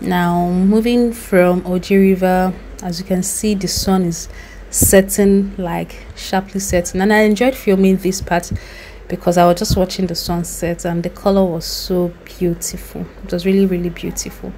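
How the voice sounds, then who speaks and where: A woman's voice: fairly low pitch, little pitch movement, normal speed, dark tone. A young Nigerian woman narrating her road trip in a chatty, recommending voice-over with loose asides. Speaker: vlogger. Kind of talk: travel vlog voice-over.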